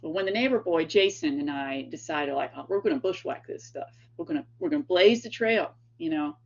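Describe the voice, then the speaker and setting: An author and guest lecturer from East Tennessee tells her stories in a lowish, animated, brisk voice that's gravelly and a little mellow, with her home accent. The lecture is chatty and rambling, full of anecdotes, fillers and laughs, in dull lo-fi audio.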